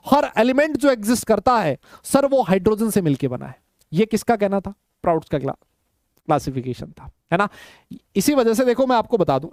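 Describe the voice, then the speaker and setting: A man's voice: sits high, darkish tone, no echo, clean studio sound. A man teaching a live online chemistry class, teasing and bantering with his students as he explains. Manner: teasing, banters with students in Hindi-English mix.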